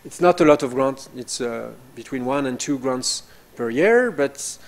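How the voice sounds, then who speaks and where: A man with as his presenting a doctoral program at an information session, halting with frequent fillers. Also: mid-range voice, animated. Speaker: program director.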